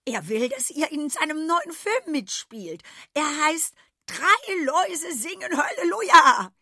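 A shrill, high goat lady shrieks her orders, bossy and easily excited. Her voice leaps up high and loud. The sound is dry and close. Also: slow, no echo, exaggerated voice. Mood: gushing.

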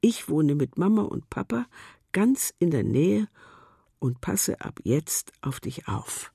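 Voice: mid-range voice, big pitch swings, takes it slowly, gravelly, dark tone, husky, no echo, studio quality, voice pushed up, full character voice. A narrator voicing a kind, determined little girl in a storybook. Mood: tender. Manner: earnest, caring.

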